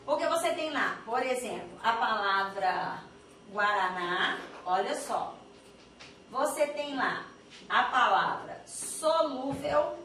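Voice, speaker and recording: A woman's voice: on the high side, distant mic, a little hiss or hum. Chatty Brazilian woman teaching in an echoey room. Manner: lively, chatty, asks the viewer questions. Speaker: Portuguese teacher. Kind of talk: online exam-prep lesson. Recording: echoey room, voice a bit off mic.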